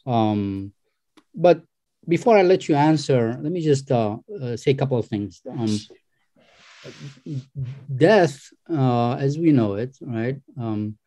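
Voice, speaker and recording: Hesitant interviewer from Algeria, mellow voice. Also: male voice, mid-range voice, expressive, takes it slowly, long pauses. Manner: hesitant, many ums and restarts. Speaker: podcast host interviewer. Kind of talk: remote interview conversation. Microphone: video call.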